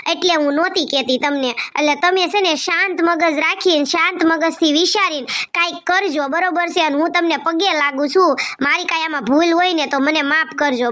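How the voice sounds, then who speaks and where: High-voiced woman in a village comedy skit. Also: fairly bright tone. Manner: pleading, rambling and emotional. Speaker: comedy video creator.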